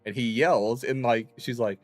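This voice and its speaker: A man's voice: mid-range voice, steady tone, unhurried, dry recording, faint music behind. A man livestreaming a game, telling stories in a chatty way and laughing often. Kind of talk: casual gameplay commentary.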